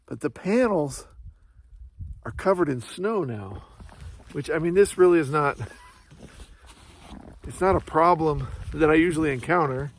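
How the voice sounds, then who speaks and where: A man's voice: a little high, lively intonation, measured pace, long pauses. A middle-aged man chatting casually to the camera outdoors in the snowy mountains, huffing from the cold and talking to his dog as he goes. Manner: chatty, talks to his dog between remarks. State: out of breath from the cold. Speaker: RV vlogger. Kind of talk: casual vlog chat to camera. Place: outdoors in snowy mountains beside a travel trailer. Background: dog nearby.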